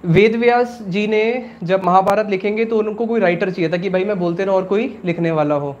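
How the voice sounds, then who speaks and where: A man leads a religious class in a high, light voice. He explains patiently, poses questions to the room and answers them himself, slipping English words into casual Hindi. The recording sounds muffled and lo-fi. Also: a little fast, a little mellow. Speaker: Gita class teacher.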